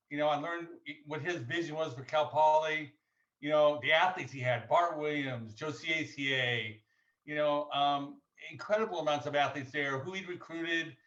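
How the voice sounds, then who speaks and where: A man in his sixties telling a halting, rambling story of his student days on a video call. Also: fairly high pitch, pushed and bright. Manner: halting, rambling, many restarts. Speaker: former athlete sharing memories. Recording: echoey, distant, dull video call audio.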